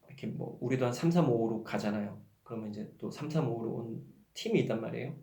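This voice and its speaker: A man's voice: medium pitch, quick pace, warm tone. A man preaching a sermon as pastor, telling a candid personal story and rising into emphatic questions. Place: church sanctuary. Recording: roomy church echo.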